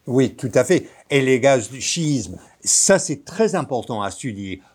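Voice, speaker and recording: Slow, deliberate male professor from Texas. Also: medium pitch, big pitch swings, a little mellow, breathy edge. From Texas, United States. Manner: deliberate, lecturing, with fillers and restarts. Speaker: professor, guest. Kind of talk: radio interview.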